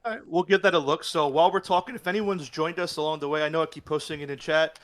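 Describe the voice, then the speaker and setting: A man's voice: fairly high pitch, steady tone, quick pace, a bit bright. Male co-host, casual and jokey, reads chat results aloud. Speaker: podcast co-host.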